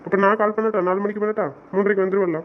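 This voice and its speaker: Actor for a coaxing young man, fast and pleading, faint hiss behind. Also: high voice, little pitch movement, close to an everyday voice. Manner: coaxing, reasoning, exasperated. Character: patient young man, exasperated fiancé on phone. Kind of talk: audio drama acting. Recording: dull lo-fi sound with faint noise.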